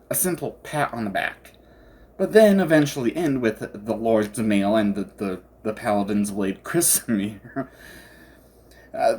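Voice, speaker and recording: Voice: medium pitch, a little mellow. A game commentator chatting casually and hesitantly about a game, rambling and often trailing off mid-thought.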